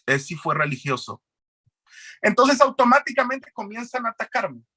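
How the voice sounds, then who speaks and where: A man's voice: sits high, big pitch swings, normal speed, sharp tone, husky, no echo. A man giving an earnest personal testimony as an interview guest, retelling events with quoted dialogue.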